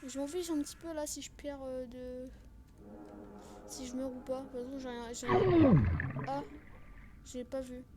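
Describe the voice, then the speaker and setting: A woman from France streaming a video game, chatting excitably with her viewers and laughing at her own mistakes. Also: high voice, moderate pace, background noise. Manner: chatty, excitable, self-mocking, talks to chat. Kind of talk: casual let's-play commentary. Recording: game music playing underneath. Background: video game music.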